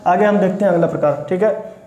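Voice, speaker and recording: High-voiced male teacher in an echoey room. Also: fast, dark tone, muffled recording. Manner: repetitive, explains step by step, frequent "ठीक है ना" check-ins. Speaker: Hindi grammar teacher. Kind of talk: classroom-style lesson for exam students.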